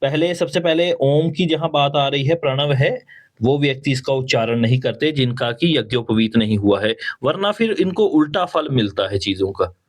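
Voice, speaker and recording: A man's voice: mid-range voice, normal speed. A man teaching the correct pronunciation of a verse. He breaks words into syllables and asks the listener to repeat after him. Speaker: spiritual teacher. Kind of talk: pronunciation drill for a chant.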